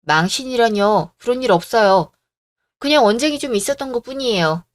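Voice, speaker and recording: A woman voicing a calm, assertive young wife who answers politely but firmly, in a radio drama. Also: a little high, brisk, no room sound, lightly acted. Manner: cool, firm, polite.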